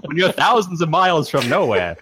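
A man's voice: on the high side, sing-song, a little fast, heavy background noise. A man voicing a pompous old-fashioned male air force officer, reciting verse in a put-on transatlantic accent with a theatrical sing-song delivery.

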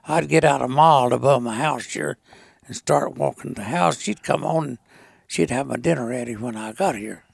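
An elderly man with a rural Arkansas, Appalachian-like mountain accent and a gravelly voice, telling a folksy story in a halting, plainspoken way. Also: medium pitch, no room sound, studio quality. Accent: rural Arkansas Ozark mountain, Appalachian-like. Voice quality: gravelly, raspy old voice. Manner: halting, plainspoken, rustic grammar. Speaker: storyteller being interviewed.

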